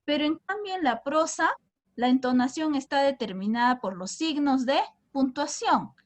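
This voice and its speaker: A woman's voice: high-pitched, animated, normal speed. A young woman teacher, explaining to her class and asking them questions often. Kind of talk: classroom lesson.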